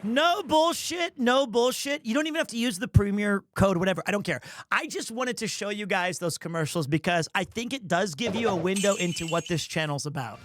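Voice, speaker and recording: A man's voice: high voice, expressive, brisk, few pauses, fairly bright tone, slight background noise. A man in his forties from Missouri, chatting loosely on a live stream, joking about himself and restarting his sentences. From Missouri, USA. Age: 40s. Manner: goofy, self-mocking, stumbles and restarts. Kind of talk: casual live-stream chat.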